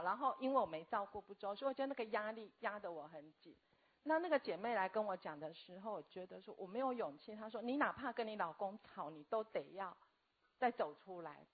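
A woman, telling a personal story earnestly and haltingly as a guest. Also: mid-range voice, slightly rough. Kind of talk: personal testimony. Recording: tinny phone-like audio.

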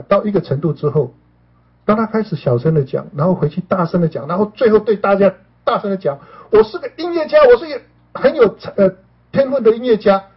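A man's voice: a little high, breathy edge. A man talking casually to his listeners as a show host, often asking if they follow him and mixing in English words. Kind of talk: conversational talk to listeners. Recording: dull lo-fi recording.

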